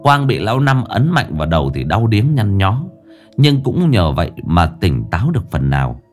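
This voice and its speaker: A man's voice: lowish voice, moderate pace, soft background music. A man narrating a horror story expressively, building suspense. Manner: expressive, rising and falling for suspense.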